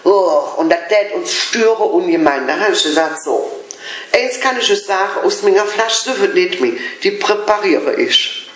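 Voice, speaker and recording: A woman telling a lively anecdote from her working life, slowing down on words she wants to stress. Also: medium pitch. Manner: lively, slows down for emphasis. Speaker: storyteller. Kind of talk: casual anecdote. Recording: roomy echo.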